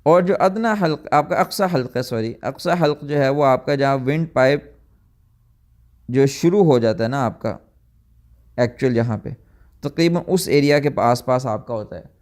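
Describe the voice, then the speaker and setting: A tajweed teacher with an expressive, mid-range, slightly mellow voice gives a recorded lecture, explaining step by step. He sometimes corrects himself and mixes in English words.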